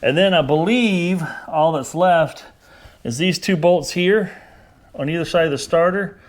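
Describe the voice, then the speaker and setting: Male home mechanic, slightly high voice, casual plainspoken how-to talk with wry asides. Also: measured pace. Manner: plainspoken, wry, a little exasperated. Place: backyard garage workspace.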